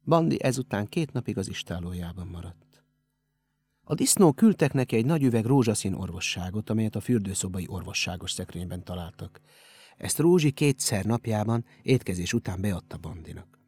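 A man narrating an audiobook in a steady storytelling manner. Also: lowish voice, slightly rough, dry recording. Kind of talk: scripted narration.

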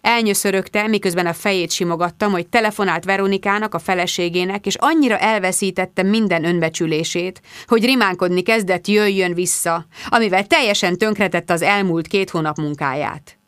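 A woman reading a first-person audiobook with a lively, wry storytelling manner. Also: fairly low pitch, few pauses, smooth, no room sound, clean studio sound. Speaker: audiobook narrator. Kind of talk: scripted audiobook narration.

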